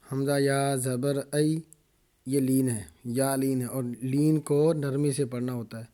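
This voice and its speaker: A male Quran reading teacher with a Pakistani Urdu accent guides beginners through a reading drill. He spells each syllable slowly and then explains the rules. His voice is dark and mellow, with an even, flat delivery. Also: mid-range voice.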